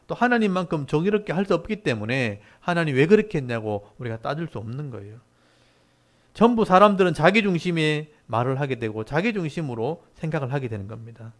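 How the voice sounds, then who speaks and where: Man, middle-aged, pastor, sermon, somewhat high-pitched, expounding scripture, acted-out complaining quotes.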